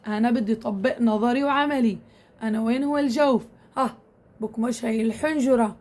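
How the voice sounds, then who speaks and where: A woman's voice: fairly high pitch, fairly quick, a little mellow. A woman teaching recitation to women, talking casually and checking in often. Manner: repetitive, checks in with "tamam?" often. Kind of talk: casual instructional talk to women students.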